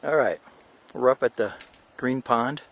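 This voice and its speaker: Filming on a handheld camera, an older hiker narrates his walk along a windy mountain trail. He's casual, rambling and jokey, using plenty of fillers, with a medium-pitched voice at a measured pace.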